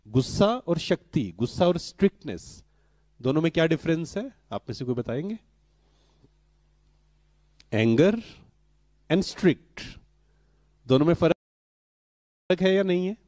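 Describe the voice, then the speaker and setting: Slow, calm man giving a spiritual talk. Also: fairly high pitch, dry recording. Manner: slow, calm and questioning, asks the audience to answer; mixes in English words and phrases. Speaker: spiritual speaker. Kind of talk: spiritual talk to a live audience.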